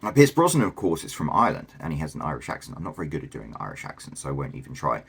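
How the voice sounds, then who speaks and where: Brief: male video host, extremely deep and a bit husky, casual enthusiastic commentary. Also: huge pitch swings, racing. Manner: chatty and enthusiastic, with many fillers.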